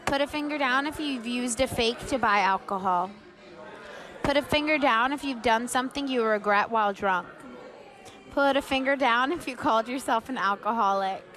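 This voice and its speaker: A woman reading out challenge prompts in a quick, upbeat way. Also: on the high side, a bit bright.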